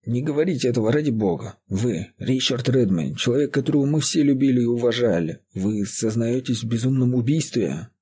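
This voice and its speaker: A man voicing an earnest, steady estate steward who pleads in a raised voice. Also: mid-range voice, a little fast, few pauses, breathy edge. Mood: alarmed. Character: steady middle-aged male estate steward, shocked and earnest.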